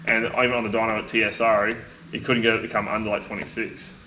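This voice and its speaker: Male podcast co-host, bright tone, casual mates' banter, slightly noisy recording. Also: fairly low pitch, flat delivery, fast talker. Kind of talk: casual chat between mates. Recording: faint background noise.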